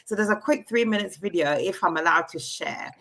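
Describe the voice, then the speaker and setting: A woman coaching entrepreneurs on AI over a video call, talking in a halting way with many fillers and restarts. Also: medium pitch, fairly bright tone.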